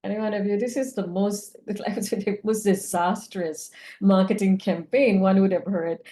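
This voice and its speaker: A woman's voice: medium pitch, dark tone. A woman from Singapore giving a conversational online presentation over a video call, laughing often. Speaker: roundtable speaker.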